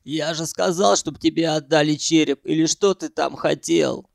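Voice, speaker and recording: A blunt, foul-mouthed underground hunter in an audiobook story, told in a male narrator's own gravelly voice. He mocks and taunts in a coarse, gritty tone, close and dry on the mic. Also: fairly high pitch, fairly even intonation, normal speed, no echo. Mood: scornful. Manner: coarse, mocking, swears freely. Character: rough, hot-headed male sewer hunter, blunt and crude.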